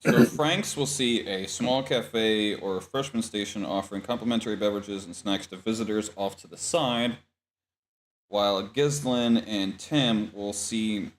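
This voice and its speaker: A man narrating a tabletop game as game master, speaking hesitantly with many ums, his laptop fan humming into the microphone. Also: on the low side. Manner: halting narration with frequent ums and uhs. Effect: laptop fan humming into the mic.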